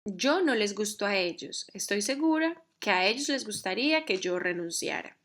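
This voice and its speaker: A woman teaching a grammar lesson, explaining carefully and reading example sentences slowly. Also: medium pitch, animated, a bit bright. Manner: measured, reads English examples slowly and carefully. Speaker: English teacher.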